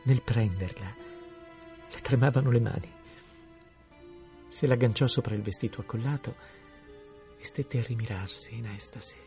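A man reading a story aloud in a measured, expressive way. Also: mid-range voice, faint music behind. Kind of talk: scripted story narration.

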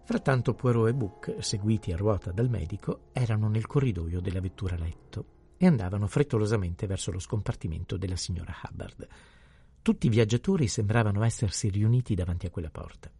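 A man calmly reading a novel aloud as an audiobook narrator. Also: lowish voice, fairly quick, vocal fry, breathy edge. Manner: calm, even storytelling. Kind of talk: scripted narration.

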